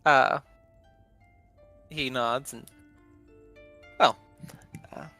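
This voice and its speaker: A man acting as game master, narrating a tabletop game in a relaxed, hesitant way with many fillers. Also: medium pitch, drawn-out words, dry recording, faint music behind.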